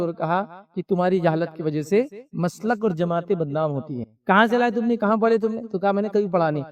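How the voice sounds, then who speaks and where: A man's voice: high voice, darkish tone, far from the mic. A man giving a conversational religious lecture, asking rhetorical questions and answering them himself. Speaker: Islamic lecturer.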